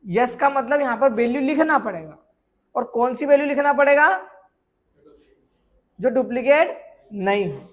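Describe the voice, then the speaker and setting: A man teaching a software course, explaining with everyday examples and often asking whether students have understood. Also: very high-pitched, animated, measured pace, pauses often. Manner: keeps checking if students follow; asks rhetorical questions and answers them. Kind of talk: screen tutorial lesson.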